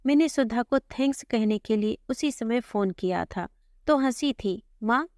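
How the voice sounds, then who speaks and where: A woman with a fairly high voice tells a family story in the first person, gently and conversationally. She keeps her own tone when she voices the dialogue. The close microphone gives a dry sound with no room echo. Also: lively intonation, unhurried.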